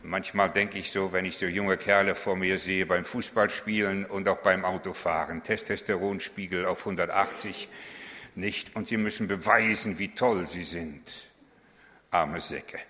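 Forceful low-voiced male preacher, reverberant hall. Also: fairly even intonation, a little slow. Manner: emphatic, rhetorical questions with a tag "nicht?". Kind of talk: sermon.

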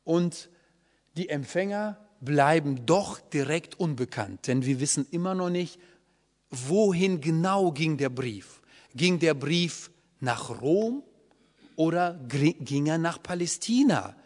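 Guy teaching bible study, fairly high voice, lots of ums and "ja?", long echoey hall. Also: expressive, slow, a little mellow. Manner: explanatory, often asks the audience "ja?".

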